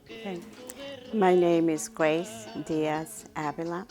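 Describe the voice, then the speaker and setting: A woman's voice: fairly low pitch, takes it slowly, mellow, soft background music. An older woman recalling a strict upbringing in a frank, amused way. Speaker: interviewee. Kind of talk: reminiscing interview.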